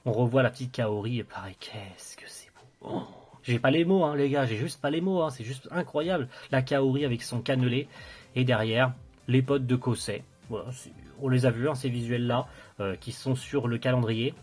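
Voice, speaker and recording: Husky young guy doing an unboxing review, lots of ums and restarts, super eager. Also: mid-range voice, moderate pace, darkish tone, soft background music. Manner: hesitant, full of fillers and restarts, enthusiastic. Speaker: anime reviewer presenting a collector's box set.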